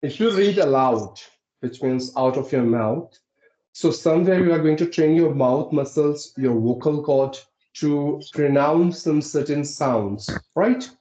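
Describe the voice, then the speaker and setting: Speaking a little slowly, this man's voice is slightly high and mellow. He hosts an English-teaching channel and comes from Uttarakhand, India; here he's politely explaining on a conversation practice call, often saying "right?". The sound is echoey, dull and lo-fi.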